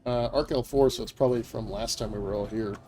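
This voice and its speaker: A man's voice: fairly low pitch, fairly even intonation, quick pace. A man talking casually with friends while playing a video game. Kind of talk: casual gameplay chat with friends.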